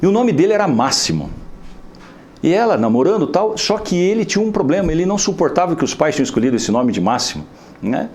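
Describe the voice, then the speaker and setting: A man with a Brazilian Portuguese accent delivers an inspirational lecture at a spiritist center, including a humorous story. His voice is on the high side and fast, and he keeps it lively and conversational with lots of tag questions.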